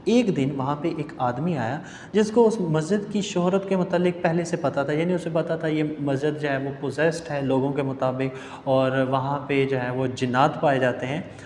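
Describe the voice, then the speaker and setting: A male teacher in a book-reading lesson. He reads English lines slowly, then explains the meaning of each word at length. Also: fairly high pitch, fairly even intonation, a little mellow, echoey room, long reverb tail, a little hiss or hum.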